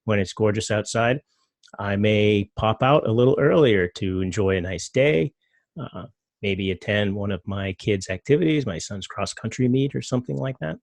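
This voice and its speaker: A middle-aged man giving a relaxed talk, loose and rambling, full of fillers. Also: on the low side, moderate pace, creaky, no room sound. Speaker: presenter. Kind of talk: casual talk with slides.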